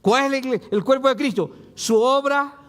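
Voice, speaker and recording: A man pastor preaching a sermon, reading scripture aloud and asking the congregation rhetorical questions with rising emphasis and low drops. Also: moderate pace, a bit bright, big-room sound.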